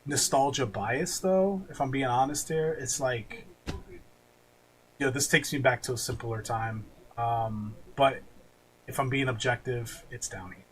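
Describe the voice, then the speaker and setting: The host of a film-ranking podcast talks a little slowly in a mid-range, slightly bright voice. He's casual and full of opinions, dropping the odd swear word, and the rough recording carries clearly audible background noise.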